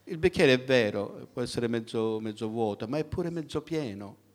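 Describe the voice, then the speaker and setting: A middle-aged man delivers a sermon to his congregation. His tone is conversational and direct, with frequent rhetorical questions and pauses for the listeners to respond. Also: medium pitch, animated. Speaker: preacher.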